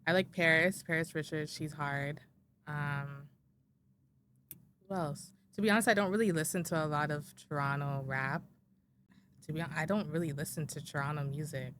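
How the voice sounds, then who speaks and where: A woman guest answering interview questions in a hesitant, casual way with many pauses. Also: sits low, steady tone, fairly bright tone. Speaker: guest artist. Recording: clear background noise.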